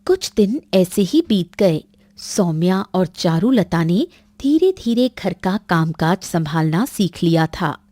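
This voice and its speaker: Brief: slow woman narrator, mellow tone, dry voice-over. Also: fairly low pitch, sing-song, dry recording. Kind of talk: scripted story narration.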